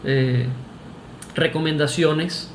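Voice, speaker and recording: A man's voice: fairly high pitch, fairly even intonation, very slow, reverberant, a little hiss or hum. A Venezuelan man with a Venezuelan Spanish accent, giving an emphatic, argumentative opinion monologue to camera, with restarts and "este" fillers. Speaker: vlogger.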